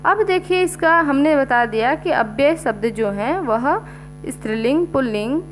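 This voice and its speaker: A woman's voice: sits high, expressive, moderate pace, rough recording. A woman teacher explains a lesson step by step, often saying "ठीक है" as she goes. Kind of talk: slow classroom explanation. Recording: faint mains hum.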